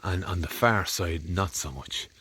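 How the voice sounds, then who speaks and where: A man's voice: low-pitched, measured pace, a bit bright, husky. A man with an Irish accent, a farmer chatting casually outdoors in a field, rambling and grumbling as he films on a handheld phone. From Ireland. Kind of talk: casual vlog narration. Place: outdoors on a farm field, in the rain.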